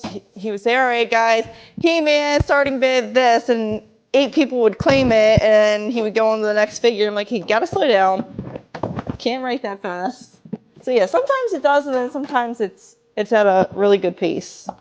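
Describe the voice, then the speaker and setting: A woman's voice: fairly high pitch, animated, normal speed, clean tone, lo-fi sound. A woman who works at the toy store, chatting casually and asking dry, practical questions. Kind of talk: casual chat.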